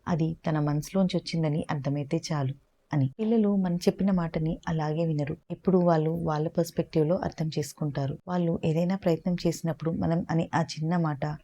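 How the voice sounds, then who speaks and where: A woman telling a calm, gentle story for parents and ending with advice. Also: deep voice, fairly quick.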